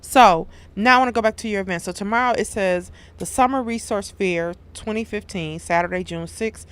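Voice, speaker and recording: A woman's voice: medium pitch, brisk, clear, resonant tone. A woman hosting a community radio show, interviewing her guests in an informal, conversational way.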